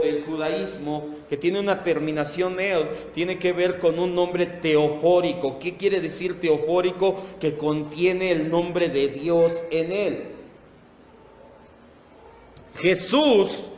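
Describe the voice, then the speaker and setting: Slow, echoey male Bible teacher. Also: high-pitched. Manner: slow, repeats terms, calls on listeners by name. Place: church meeting room with projector. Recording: echoey hall.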